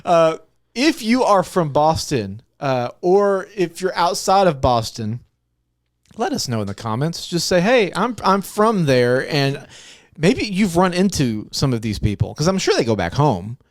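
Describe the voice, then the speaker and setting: A man's voice: fairly high pitch, sing-song, a little slow, dry recording, clean studio sound. A man from Arkansas co-hosting a podcast, chatting casually, rambling with many restarts and easy laughs. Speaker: podcast co-host. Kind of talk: casual chat.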